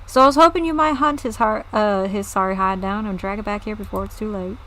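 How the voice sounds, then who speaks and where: Woman putting on a gruff old farmer guy from a game, blustery, fussing about pirates and rogues. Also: medium pitch, slow pace, warm tone, natural voice, low-quality recording. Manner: blustery, old-fashioned insults. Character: gruff older male farmer leader, blustery.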